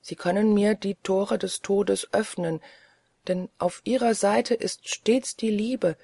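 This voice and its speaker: A reader voicing a weary, lonely old male ghost in a soft, dreamy, mournful manner, from an audiobook reading. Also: mid-range voice, fairly even intonation, slow pace, vocal fry, husky, no room sound, exaggerated voice.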